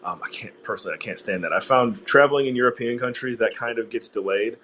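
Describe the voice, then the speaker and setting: A man's voice: medium pitch, fast, a bit bright. A man hosting an online talk show, chatting casually with many fillers and restarts. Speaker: podcast host. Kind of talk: casual interview chat.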